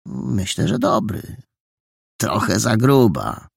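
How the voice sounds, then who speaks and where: A man voicing a timid, soft-hearted boy detective who talks hesitantly, sometimes near a whisper. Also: fairly low pitch, wildly swooping pitch, slow, creaky, husky, no room sound, studio quality, voice pushed up, heavily acted. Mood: shy. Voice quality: hesitant, half-whispered at times.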